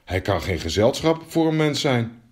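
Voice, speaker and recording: Man doing a whiny young princess, stammers, big swoops in pitch. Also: big pitch swings, normal speed, natural voice. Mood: flustered. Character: young princess, spoiled and fearful.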